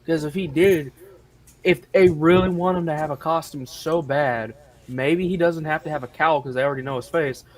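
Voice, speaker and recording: A man's voice: a little high, fairly even intonation, normal speed. A man in a casual podcast chat, earnestly laying out a question step by step. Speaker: podcast guest.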